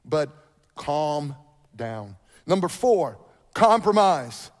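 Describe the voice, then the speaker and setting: A man preaches a sermon from the pulpit, his voice sitting notably high. He drives home each point by saying it twice. The sound carries a long reverb from the church hall. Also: drawn-out words. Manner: animated preaching with repeated key points. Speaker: pastor. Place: church sanctuary.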